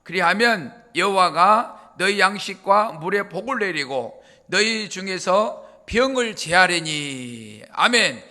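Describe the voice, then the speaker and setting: A male pastor preaching a sermon, telling jokes with drawn-out emphasis. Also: very high-pitched, pushed and bright. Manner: humorous storytelling, drawn-out emphasis. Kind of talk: joking sermon.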